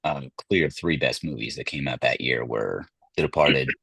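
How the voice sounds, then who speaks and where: A man's voice: very deep voice, moderate pace, vocal fry, fairly bright tone, husky, no room sound. A man hosting a podcast, chatting casually about film awards in a rambling, hesitant way with many fillers. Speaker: podcast host.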